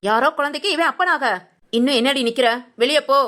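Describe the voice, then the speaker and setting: A woman's voice: sits high, fast talker, fairly bright tone. A woman playing a domineering mother-in-law who harshly scolds her daughter-in-law in a village family drama. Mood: scolding.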